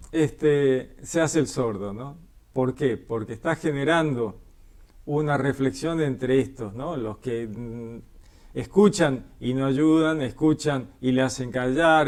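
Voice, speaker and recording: A man's voice: mid-range voice, darkish tone. A man with a Rioplatense Spanish accent leading a Bible study, reading passages and explaining them conversationally with frequent questioning tags.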